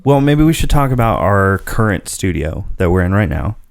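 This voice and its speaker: Low-voiced young man, loose podcast banter. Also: very animated, normal speed, creaky, dry recording, clean studio sound. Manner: rambling, laughs often. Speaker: podcast co-host. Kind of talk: casual banter. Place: spare-room home office studio.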